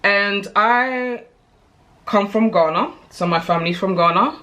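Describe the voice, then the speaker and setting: Woman, 30s, British accent, bright voice, chatty, candid vlogger talking straight to camera. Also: medium pitch, a little slow. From United Kingdom. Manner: chatty, candid, rambling with frequent asides and fillers. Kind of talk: casual chat to camera.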